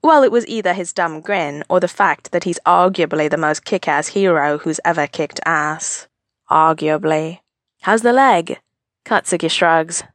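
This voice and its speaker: A woman's voice: low-pitched, normal speed, few pauses, no room sound, studio quality. A woman narrating fan fiction aloud with a wry, casual storytelling manner.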